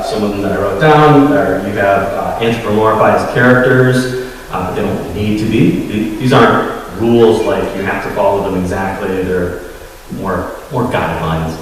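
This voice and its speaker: A man's voice: on the low side, a little slow, slight background noise. A man giving a storytelling talk to a congregation, hesitant and full of fillers, openly nervous. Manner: hesitant, many fillers, admits nerves. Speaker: guest speaker at a secular congregation. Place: large echoey hall. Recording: echoey hall, voice from far off.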